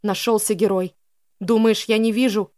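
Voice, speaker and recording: A woman voicing a drunk, rough young man who growls and slurs. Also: high-pitched, fairly even intonation, moderate pace, a little mellow, no room sound, clean studio sound, lightly acted. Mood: hoarse scorn. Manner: slurred, growling.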